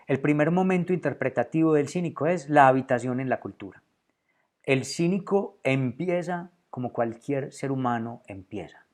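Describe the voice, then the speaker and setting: A voice that is probably male, medium-pitched with a darkish tone, delivers a solo philosophy lecture to camera. He thinks aloud thoughtfully, often restarting phrases and repeating words while he hunts for the right term.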